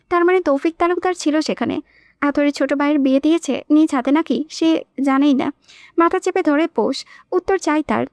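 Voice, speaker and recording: High, dry-voiced woman narrating a novel. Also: no room sound. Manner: reads all characters herself, shifting tone for quoted lines. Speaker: audiobook narrator.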